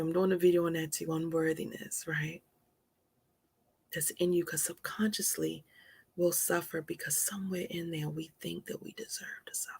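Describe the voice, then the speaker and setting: Husky gravelly woman, 40s, earnest livestream talk, keeps repeating herself for emphasis. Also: fairly low pitch, a little mellow. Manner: earnest, repetitive, preacherly emphasis. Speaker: live-stream host. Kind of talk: heartfelt motivational talk.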